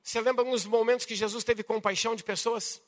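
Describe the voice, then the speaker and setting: A man with a Brazilian Portuguese accent preaching a sermon to his congregation, swinging dramatically between loud, emphatic passages and hushed ones. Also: extremely high pitch, steady tone, fast talker. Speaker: pastor. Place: church hall. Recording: long reverb of a church hall.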